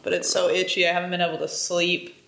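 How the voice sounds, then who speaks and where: A woman's voice: on the low side, level tone, fast talker, bright, forceful tone, echoey room, a little hiss or hum. A young woman talking casually to camera as a bike touring vlogger, chatty and upbeat, with many fillers. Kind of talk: casual vlog chat. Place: outdoors and at a house, on a rainy day.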